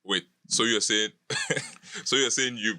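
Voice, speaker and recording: A man's voice: on the low side, takes it slowly, bright, forceful tone, no room sound. A man hosting a podcast, enthusiastic and laughing often, asking questions with many restarts. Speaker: podcast host. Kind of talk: casual interview chat.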